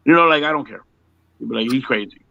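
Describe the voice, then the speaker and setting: In a casual one-on-one interview, a music performer in his fifties jokes and emphatically repeats himself. His mid-range voice is fast, bright and forceful with vocal fry; the recording is dry but muffled and lo-fi.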